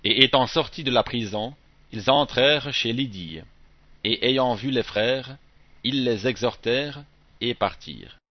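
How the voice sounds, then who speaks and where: A man giving a scripted Bible reading in a measured, even delivery, phrase by phrase. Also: medium pitch, no room sound. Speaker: scripture reader. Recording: dull, dry close recording.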